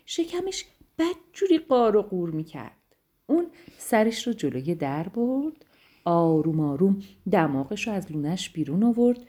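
A woman narrating a children's bedtime story, gentle and affectionate, speaking tenderly to the children. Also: medium pitch, breathy edge.

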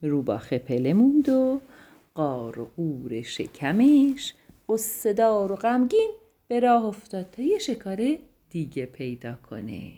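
A woman telling a bedtime story to children in a gentle, affectionate way. Her voice is warm and mellow, with lively, sing-song rises and falls of pitch that bring the tale to life.

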